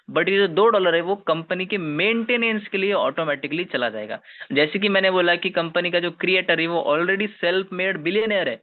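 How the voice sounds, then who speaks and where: A man presenting an investment plan, walking viewers through slides and often calling them "guys" or checking in with "okay". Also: sits high. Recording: tinny phone-like audio.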